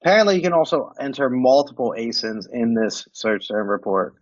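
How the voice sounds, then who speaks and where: Animated and a little fast, this medium-pitched man is recorded with no room sound and the highs cut off. An American accent blended with Romanian colors his speech. He's a casual podcast guest, an expert demoing software, walking through the screen with loose explanations full of "like" and "um."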